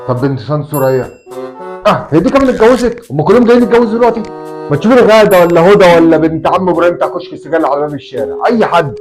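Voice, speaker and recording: A desperate Egyptian son, as a man acts him out, begs his mother on the phone to find him a wife. He whines and pleads in a slightly high voice at a very fast clip. Soft music runs underneath. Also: natural voice. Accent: Egyptian Arabic. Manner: pleading, whiny.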